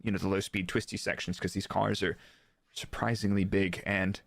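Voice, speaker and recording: A former Formula 1 performance engineer appears as a guest expert in a live interview, offering casual, informal technical analysis of motorsport and illustrating his explanations with quoted remarks. His gravelly voice sits low with a level tone and moderate pace, and the sound is clean studio audio with no room sound.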